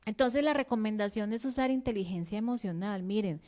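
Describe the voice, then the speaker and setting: A woman's voice: medium pitch, fairly quick, darkish tone. A woman psychologist, explaining emotional health in a conversational way and speaking directly to her listeners.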